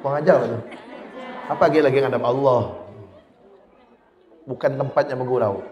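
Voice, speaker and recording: A man's voice: mid-range voice, moderate pace, dull audio, a faint crowd. Joking male teacher in an echoey hall. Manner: jokey, acts out little scenes in quoted voices. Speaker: religious teacher. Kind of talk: humorous religious lesson. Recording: echoey hall with faint noise.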